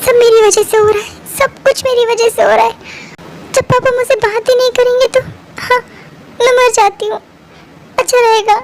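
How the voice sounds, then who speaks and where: A guilt-ridden young daughter, pleading and close to tears, as a woman voices her. The voice is very high. It is a fan-made audio drama dub. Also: a little hiss or hum. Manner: tearful, pleading.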